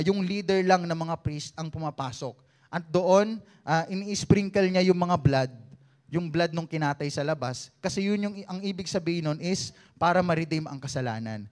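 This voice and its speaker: Filipino man preaching with a higher voice. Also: a little mellow. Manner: conversational, keeps asking "no?" and prompting the congregation. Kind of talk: Taglish Sunday sermon.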